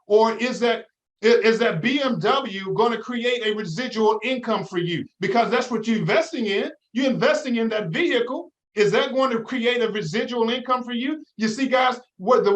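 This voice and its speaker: A middle-aged man appears as a financial advisor guest in an interview, speaking emphatically like a preacher and firing off rhetorical questions in a motivational vein. His voice is extremely high-pitched and a bit bright.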